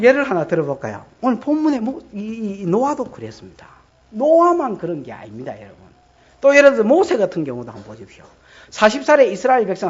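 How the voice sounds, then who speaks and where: A male pastor with a strong Gyeongsang accent delivers a sermon full of acted-out dialect voices. His pitch swings widely as he moves from shouts to mutters. The recording is dull and muffled. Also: husky. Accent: Gyeongsang Korean.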